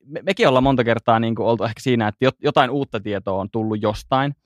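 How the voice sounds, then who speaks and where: A male podcast host from Finland telling an anecdote in casual chat, chatty and quick to laugh. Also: medium pitch, no echo, clean studio sound.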